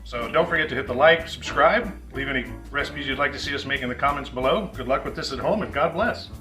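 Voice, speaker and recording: A man with a drawl walks through a recipe in a folksy, joking manner, at an ordinary pitch. Guitar music plays under his voice. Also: fast. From American South. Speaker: cooking show host. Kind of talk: casual cooking demonstration.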